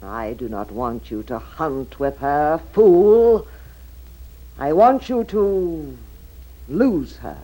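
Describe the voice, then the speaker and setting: A woman's voice: low-pitched, lively intonation, drawn-out words, dark tone, full character voice, poor audio. A woman voicing a proud, vain and jealous wicked queen who speaks in a haughty, commanding, theatrical way in a storybook record. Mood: commanding, cold.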